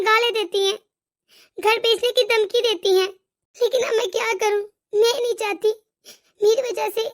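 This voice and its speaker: A woman voicing a young daughter-in-law in an animated moral story, complaining and pleading. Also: very high-pitched. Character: young wife, hurt and fed up.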